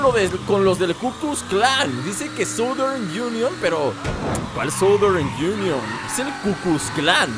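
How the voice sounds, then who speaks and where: A gamer with a Mexican accent and a voice that sits high chats through a let's play over a noisy background, loud game sounds under his voice. Chatty, he talks back to the game as he plays and explains his asides at length.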